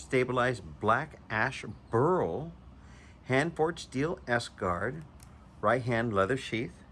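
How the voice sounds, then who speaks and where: A man's voice: medium pitch, fairly bright tone, slight background noise. A man and knife collector giving a chatty, enthusiastic show-and-tell review, with chuckles and hesitant restarts.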